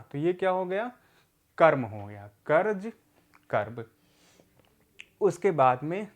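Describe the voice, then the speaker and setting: For adult learners, this man records a literacy lesson in which he poses questions, answers them, and repeats each word slowly and patiently. His pitch runs fairly high.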